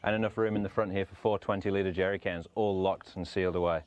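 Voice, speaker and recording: Low-voiced, easygoing Australian man. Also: steady tone, fast talker, darkish tone, dry recording. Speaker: product demonstrator. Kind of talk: casual product walkthrough. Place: outdoors and inside a camper.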